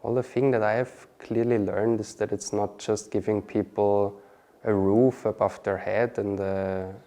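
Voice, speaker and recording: A man's voice: lowish voice, fairly even intonation, unhurried, warm tone. A man from Austria, a marketing specialist chatting as an interview guest, often adding "okay?" and "you know". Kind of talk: casual interview answers.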